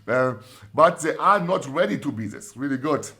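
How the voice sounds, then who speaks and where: Upbeat German-accented man, slightly high voice. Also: lively intonation, pushed and bright. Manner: halting, many fillers and restarts, repeats set phrases; upbeat, encouraging. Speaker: trading channel host. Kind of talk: casual talk reading viewer comments.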